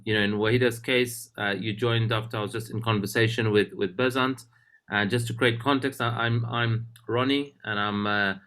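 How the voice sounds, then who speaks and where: A man with a fairly low voice hosts a casual online webinar over a video call. He talks in a halting way, with many fillers and restarts. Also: fairly bright tone. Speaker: webinar host.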